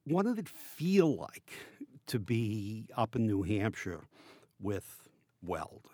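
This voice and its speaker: An older man hosting a casual news chat, asking questions in a halting, conversational way. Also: on the low side, sing-song, warm tone, no echo, studio quality. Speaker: podcast host.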